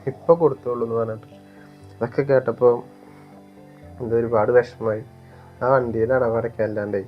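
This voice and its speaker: A man's voice: mid-range voice, muffled recording, natural voice. A young man with a Malappuram Malayalam accent playing a resentful son who bitterly rejects his stepfather in an amateur family short film. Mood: dejected. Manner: bitter, defiant outbursts. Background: faint music.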